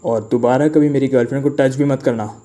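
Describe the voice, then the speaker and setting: A man's voice: mid-range voice, steady tone, fairly quick, warm tone, lightly acted. A man reading the lines of a jealous young man who threatens a rival, in his own plain voice. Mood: threatening.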